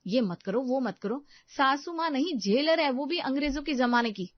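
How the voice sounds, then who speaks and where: A woman's voice: high-pitched, animated, normal speed, no echo, voice pushed up. A woman voicing a put-upon young daughter-in-law who grumbles in an exasperated way. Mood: grumbling. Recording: slightly dull, dry close recording.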